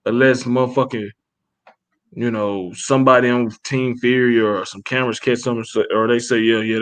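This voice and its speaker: A man co-hosting a casual boxing chat, profane and animated, acting out quotes as he tells stories. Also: medium pitch. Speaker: podcast co-host.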